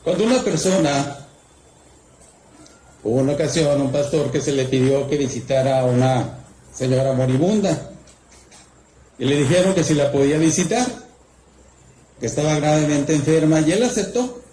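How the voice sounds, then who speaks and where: A man's voice: on the high side, moderate pace, long pauses, mellow. A man preaching a campfire sermon, telling a story and asking rhetorical questions. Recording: roomy echo, faint background noise.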